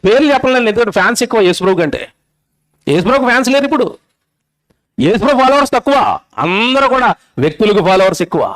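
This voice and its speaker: A man preaches an impassioned sermon to a gathering, scolding and exhorting his listeners through rhetorical questions. His voice is very high with a fairly bright tone.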